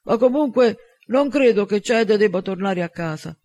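A man's voice: high-pitched, animated, normal speed, darkish tone, no echo, dull audio. A man reading a firm, protective pack leader. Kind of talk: audiobook dialogue.

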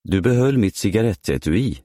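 A man's voice: fairly low pitch, expressive, dark tone, no room sound, pitched above the performer's own voice. A man reading a clipped, curt young wife. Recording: dry close studio sound.

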